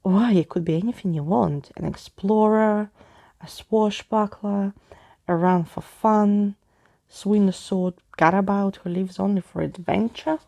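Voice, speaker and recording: A woman's voice: medium pitch, fairly even intonation, a little slow, vocal fry, dark tone. A woman voicing a pompous, wordy old male skeleton in a storybook reading, with grandiose, theatrical speech. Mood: grand, explaining.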